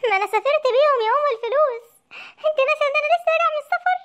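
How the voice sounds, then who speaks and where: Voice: very high voice, animated, quick pace, bright, forceful tone, heavily acted. A voice actor playing a frightened young husband in a comic cartoon, with an Egyptian accent and a whiny, panicky manner. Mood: bewildered. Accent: Egyptian Arabic.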